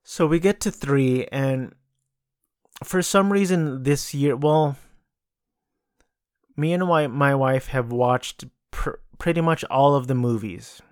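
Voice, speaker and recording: A man speaks slowly and unhurriedly in a casual solo podcast, his sentences rambling and restarting with lots of filler. His voice sits at an ordinary middle pitch. The sound is dry and close, from a room at home. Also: dry recording. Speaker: podcast host. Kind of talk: casual solo movie talk.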